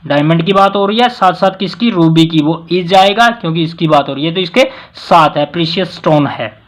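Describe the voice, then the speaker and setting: A man teaching English grammar in a casual classroom way, mixing Hindi with English and hitting key words hard, often addressing listeners with a polite "ji". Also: high voice. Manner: stresses words loudly, mixes Hindi with English.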